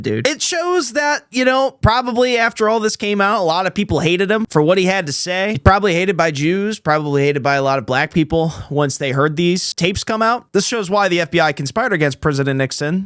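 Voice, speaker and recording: A man's voice: a little high, fairly bright tone, smooth, no room sound, studio quality. A man hosting a podcast, reacting to old tapes with incredulous, chuckling commentary. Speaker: podcast host.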